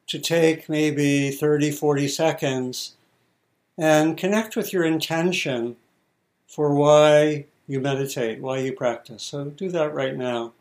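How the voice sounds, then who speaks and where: With a fairly high pitch and a darkish tone, this male meditation teacher guides listeners through short, measured phrases broken up by pauses.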